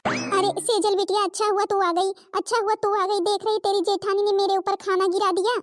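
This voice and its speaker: A woman's voice: sits high, fairly even intonation, fairly quick, soft background music, natural voice. A woman voicing a scheming older mother who stirs trouble in her daughter's in-laws' home, scolding and sneering in a Hindi cartoon. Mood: accusing.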